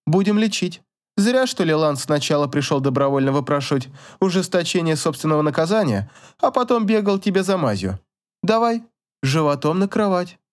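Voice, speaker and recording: A man's voice: a little high, very animated, moderate pace. A man reading aloud and voicing a young woman who teases her husband in a bossy, mock-stern way. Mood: teasing. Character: teasing strict young woman, playful lover.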